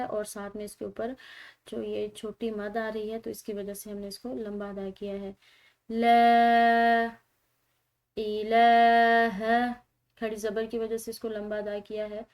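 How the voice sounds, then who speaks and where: Patient woman teaching Quran recitation. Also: mid-range voice. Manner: explains rules patiently, then recites slowly and loudly. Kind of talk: tajweed lesson with slow drawn-out recitation.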